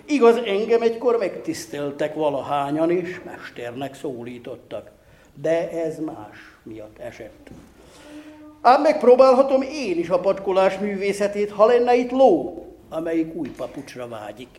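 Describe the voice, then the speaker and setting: A man voicing a gentle, humble Jesus as a wanderer in a folk tale, speaking mildly and patiently in an echoey room. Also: sits high, lively intonation. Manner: mild, patient and soft-spoken.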